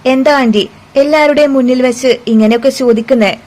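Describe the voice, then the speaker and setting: A woman's voice: sits high, brisk, darkish tone, close to an everyday voice, rough recording. A woman doing a tearful young daughter-in-law. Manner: pleading, tearful. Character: frightened young daughter-in-law who keeps crying.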